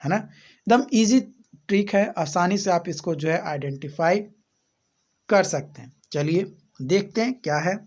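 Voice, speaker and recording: A man with an Indian accent gives a classroom grammar lesson in a fairly high voice. He talks very slowly and repeats each rule, then asks his students rhetorical questions. The recording sounds muffled and lo-fi. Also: a little mellow. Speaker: English teacher. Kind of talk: slow classroom explanation.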